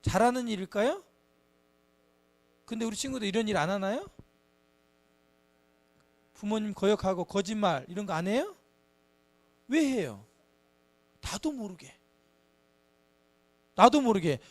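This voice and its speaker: A man's voice: sits high, moderate pace, long pauses. A man teaching a Bible lesson to children, acting out taunts and asking them questions. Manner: animated, acts out children's taunts; asks the children frequent questions. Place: church.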